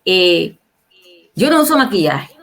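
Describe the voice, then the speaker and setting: A woman's voice: lowish voice, big pitch swings, slow, fairly bright tone. An older woman in her sixties talks at length as a guest on a livestream interview. She keeps up a casual, opinionated flow and presses her points home by firing rhetorical questions at her listeners. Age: 60s. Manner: emphatic, asks the audience rhetorical questions.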